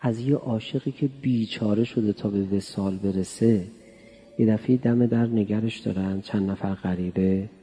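Male preacher, dark husky voice, conversational sermon, recorded in a reverberant hall. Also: lowish voice, steady tone. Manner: conversational, playful, asks the audience questions. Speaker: cleric giving a religious talk.

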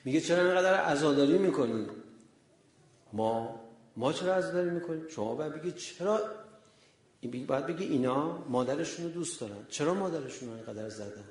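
A man's voice: a little high, lively intonation, a little mellow, reverberant. A man preaching a religious sermon with passion, firing off rhetorical questions at his listeners. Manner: impassioned, full of rhetorical questions.

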